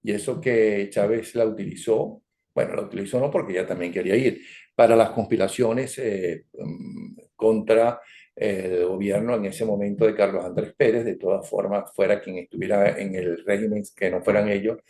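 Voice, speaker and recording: A man's voice: on the low side, steady tone, normal speed, warm tone. An older man with a Venezuelan accent hosting an interview, asking leading questions and drifting into history asides with tag questions like "no?". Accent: Venezuelan Spanish. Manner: digressive, leading questions, frequent "¿ok?" and "¿no?" tags. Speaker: interview host. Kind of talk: conversational interview. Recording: roomy echo.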